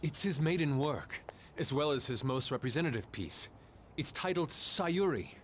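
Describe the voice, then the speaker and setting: A man's voice: fairly high pitch, animated, moderate pace, slight background noise, natural voice. A man playing a proud young art student in a video game, speaking formally and theatrically like an anime rival. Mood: earnest, formal. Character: proud young male art student, fiercely loyal to his teacher. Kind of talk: English video game voice acting. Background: game music.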